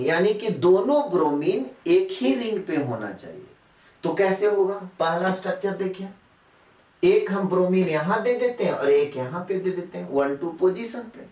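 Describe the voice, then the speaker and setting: A man's voice: high voice, darkish tone. A male teacher gives a classroom chemistry lecture, repeating points and quizzing students with rhetorical questions. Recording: echoey room, mic far off.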